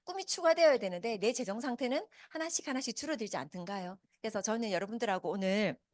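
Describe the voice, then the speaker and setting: Woman, 50s, business seminar speaker, animated, fast-talking, lively pitch, dry sound. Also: no echo. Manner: animated, asks the audience many questions. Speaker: business presenter. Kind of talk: motivational seminar talk. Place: meeting hall with a live audience.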